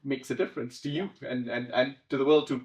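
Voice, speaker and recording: A man, a playwright, talking in an interview in a thoughtful, halting way, often restarting and laughing softly. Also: medium pitch, fairly even intonation. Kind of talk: conversational interview. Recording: roomy echo.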